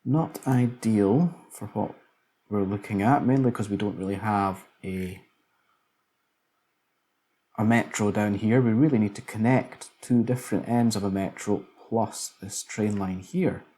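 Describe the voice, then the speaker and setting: A man's voice: fairly low pitch, a little slow, dark tone. A man casually commentating a city-building game, musing aloud as he builds, tired late at night. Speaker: let's play commentator.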